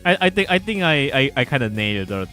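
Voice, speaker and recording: A man on stream reads narration from his own visual novel aloud, dropping in casual asides. His mid-range voice is sing-song, quick and pushed bright, with guitar music playing as a bed behind him.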